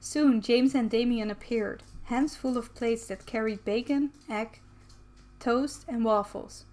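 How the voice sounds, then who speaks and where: A Dutch-native woman reading a visual novel aloud, chatty and quick to add her own comments. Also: a little high, a little mellow. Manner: chatty, laughs and comments between lines. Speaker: let's player.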